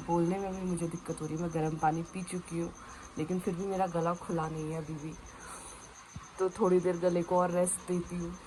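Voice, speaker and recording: A hoarse woman with a fairly low voice talks casually through her day for a vlog. Her throat is sore, so the words come out strained. A faint hum of the surroundings sits behind her. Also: flat delivery, moderate pace, a little mellow, poor audio. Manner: chatty, talks to her dogs between remarks. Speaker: vlogger.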